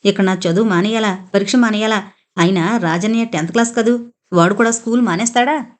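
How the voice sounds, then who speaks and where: A woman's voice: medium pitch, fast talker, lightly acted. A woman voicing a stubborn, proud schoolgirl who argues angrily and then pleads in tears, in an audio novel. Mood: indignant. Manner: indignant, pleading, read aloud.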